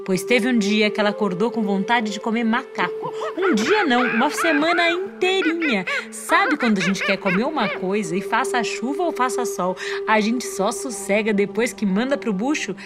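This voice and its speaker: High-voiced Brazilian woman, fireside-style storytelling. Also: moderate pace, few pauses. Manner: playful, expressive, inviting. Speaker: children's storyteller and host. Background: music.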